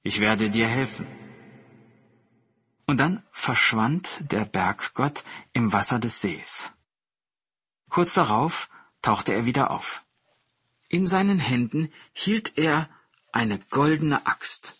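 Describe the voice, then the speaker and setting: Slow, husky storybook narrator. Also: male voice, mid-range voice, sing-song, fairly bright tone, dry recording.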